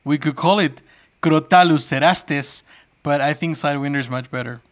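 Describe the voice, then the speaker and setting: A man chatting casually to viewers on a live coding stream, excitable and quick to swear. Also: on the high side. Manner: excitable, swearing, shouts when thrilled. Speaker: livestreaming programmer.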